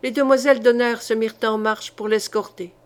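Woman, audiobook narrator, fairly high voice, measured, dramatic reading of a historical novel. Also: fairly even intonation. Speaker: audiobook reader.

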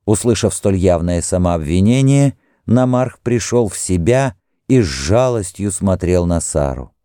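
A man narrating a classic novel as an audiobook, reading in a measured, even way. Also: sits low, dry recording, clean studio sound. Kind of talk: scripted narration.

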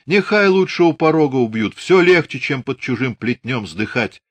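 A man voicing an elderly peasant mother who fusses and laments in a high sing-song. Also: lively intonation, moderate pace, dry recording, close to an everyday voice. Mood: aggrieved, defiant.

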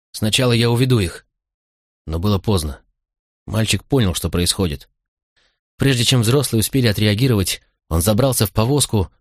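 A man narrating a novel as an audiobook, with steady, dramatic storytelling. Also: fairly low pitch, dry recording, clean studio sound.

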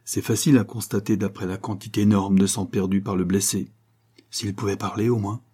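A man voicing a calm male ship's doctor who speaks in a measured, clinical way. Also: on the low side, husky.

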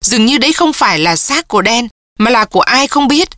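A woman narrator voicing a distraught young woman, pleading and tearful, her pitch a little raised. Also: expressive, a little fast, sharp tone, no echo, clean studio sound.

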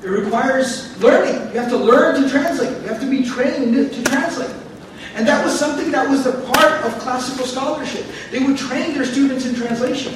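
Speaking at a normal speed, this very high-voiced man teaches the Quran, going through the text word by word and repeating phrases for emphasis. He is digressive, frequently wandering off on tangents. The room is very echoey, he stands away from the mic, and faint background noise is present.

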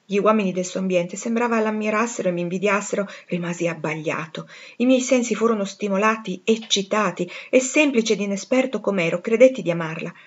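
A woman voicing a proud, passionate gentleman in an audiobook reading, intense and pleading. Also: mid-range voice, muffled recording, natural voice.

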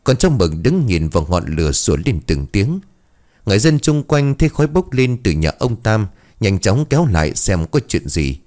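A man narrating a scripted ghost story in a dramatic, expressive way. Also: on the low side, moderate pace.

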